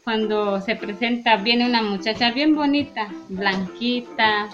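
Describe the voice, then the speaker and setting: Woman, teacher, oral storyteller, unhurried, questioning tags, music playing behind. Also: a little high, fairly bright tone. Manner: unhurried, with frequent "¿no?" tags and fillers. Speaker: community preschool teacher. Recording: dull lo-fi radio sound with music.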